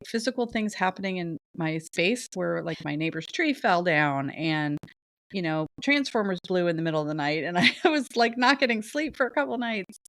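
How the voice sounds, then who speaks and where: Co-hosting a podcast, a woman chats casually in a fairly low voice, sounding stuffy and nasal from a sinus cold. She rambles and laughs often, and there's no room sound.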